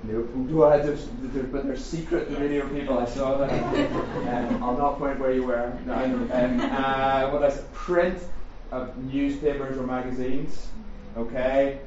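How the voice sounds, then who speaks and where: A middle-aged man with a Northern Irish accent giving a jokey, fast-paced talk to a live audience, full of ums and questions to the room. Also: mid-range voice, steady tone, darkish tone. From Northern Ireland. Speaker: speaker at a faith and culture seminar. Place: large echoey room with an audience. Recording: roomy, distant, dull sound with faint hiss.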